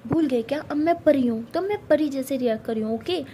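Lady doing a teasing young woman, playful and warm, highish voice. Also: a little fast, a little hiss or hum, natural voice.

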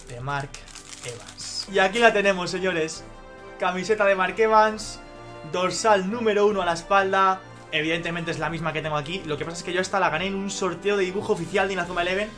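A young man with a Spain Spanish accent talks in a high, bright register as he unboxes on camera. He is excitable, keeps exclaiming and swears freely, and faint music plays underneath. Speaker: YouTuber.

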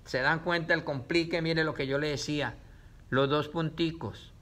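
In this reading lesson for kids, a man slowly works through words syllable by syllable and repeats them, captured by a camera facing him. He speaks on the high side with fairly even intonation and a slightly bright quality.

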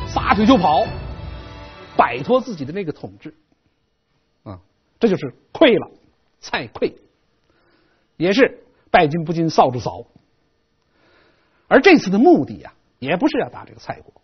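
Husky, animated male history lecturer. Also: high voice, lo-fi sound. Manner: animated storytelling with colloquial asides.

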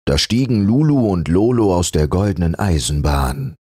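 A man narrating a fairy tale as a gentle bedtime audiobook reader. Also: sits low, very animated, normal speed, slightly rough, dry recording, clean studio sound. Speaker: storyteller.

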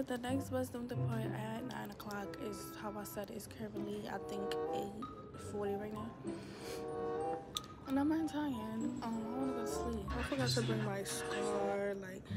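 A young woman from Brooklyn, vlogging into her phone on a long bus ride, sleepy and worn out, talking loudly and bluntly with lots of swearing as she complains. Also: mid-range voice, fairly even intonation, a little slow. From Brooklyn, New York. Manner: loud, blunt and profane, complaining. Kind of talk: casual vlog to camera. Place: on a long-distance coach bus. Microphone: phone camera. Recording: loud music over the voice.

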